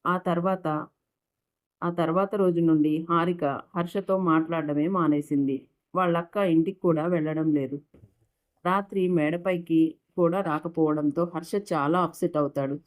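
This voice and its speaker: A woman reading a romantic story aloud, voicing the dialogue and narration in one steady voice with small slips and restarts. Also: low voice, normal speed.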